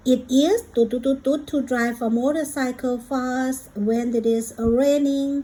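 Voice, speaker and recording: Thai lady teacher going over exam answers, kinda high voice, mellow, soft hiss behind. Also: low-quality recording. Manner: explains patiently, calls listener "child", reads English aloud slowly. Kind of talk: exam prep lesson.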